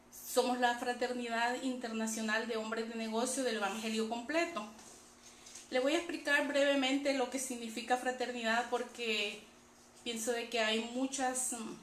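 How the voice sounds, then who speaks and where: Speaking to viewers online, a Salvadoran Spanish-accented woman tells her own religious testimony in a chatty way. She has a fairly high, bright-toned voice, captured in an echoey space with a little background noise.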